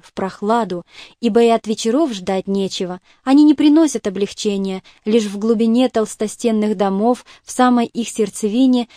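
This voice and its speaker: A woman reading a literary novel as an audiobook narrator in a measured, even way. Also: medium pitch, dry recording, clean studio sound.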